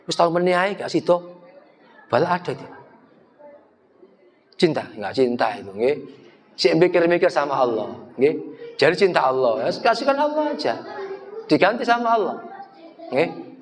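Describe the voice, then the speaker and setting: A man with an East Javanese accent preaching in a mosque, lively, mixing in Javanese, reciting Arabic and acting out little everyday exchanges. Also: fairly high pitch, moderate pace, long pauses, in a large hall. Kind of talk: sermon.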